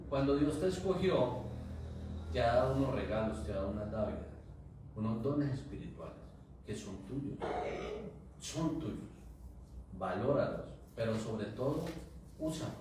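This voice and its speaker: A man's voice: medium pitch, a little mellow, slight background noise. A man pastor preaching a sermon to his congregation, asking them questions and drawing replies. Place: church hall. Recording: echoey church hall from far off.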